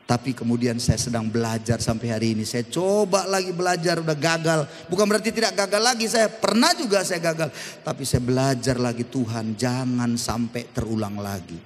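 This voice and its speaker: A middle-aged man preaching a lively, humorous sermon in a church, drawing call-and-response from the congregation. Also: medium pitch, brisk. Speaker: pastor. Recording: long church-hall reverb.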